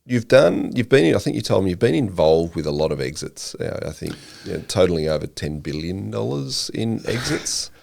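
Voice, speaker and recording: A man's voice: low-pitched, big pitch swings, moderate pace, vocal fry, few pauses, darkish tone. A man hosting a business interview, chatting casually with short, agreeable remarks and questions. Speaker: podcast host.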